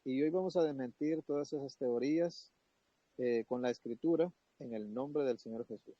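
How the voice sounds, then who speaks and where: A man from El Salvador, giving an earnest, halting opening statement in a debate. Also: mid-range voice, dark tone, no room sound. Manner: earnest, hesitant fillers. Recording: dry, muffled lo-fi online audio.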